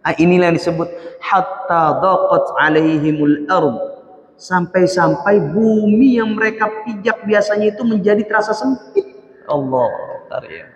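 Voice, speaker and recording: A man preaching to youth in a mosque, telling a story with rhetorical questions and quick self-corrections. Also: sits high. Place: mosque hall. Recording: echoey hall, dull lo-fi sound.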